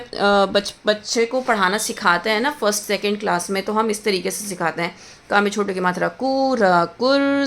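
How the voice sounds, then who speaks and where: A woman teaching a grammar lesson, patiently spelling out words, repeating them slowly, checking in often and mixing in English words. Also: medium pitch. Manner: mixes English words into Hindi. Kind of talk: explaining Hindi grammar lesson.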